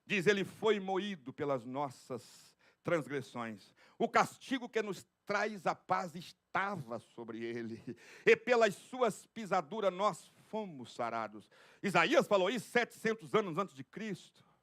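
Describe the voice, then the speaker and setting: A male pastor preaching a Pentecostal sermon in church, swinging from loud shouts to hushed murmurs and speaking in tongues. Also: high voice, very animated, a little slow. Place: church sanctuary.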